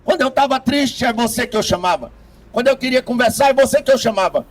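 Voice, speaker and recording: A man's voice: very high-pitched, fast. A man voicing a dying king who pleads earnestly with his wives in a storybook parable. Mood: pleading.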